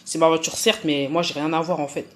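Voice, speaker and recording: A woman voicing her calm younger brother who tries to settle things in relaxed slang. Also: sits low, brisk, lightly acted. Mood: placating. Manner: slangy, soothing, hesitant with fillers.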